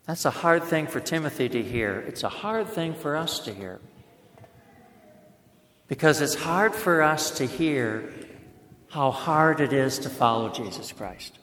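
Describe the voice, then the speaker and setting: Man, sermon, storytelling, slow emphatic phrasing, echoey hall, long reverb, faint room ambience. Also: a little high, expressive, fairly bright tone. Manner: storytelling, plain-spoken, slows for emphasis. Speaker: pastor.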